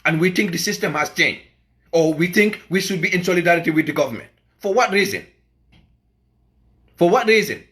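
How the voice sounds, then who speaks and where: A man's voice: high-pitched, animated, fairly quick, long pauses, fairly bright tone. A man from the Gambia giving an impassioned political address as an activist, emphatic and repetitive, often stumbling over his words.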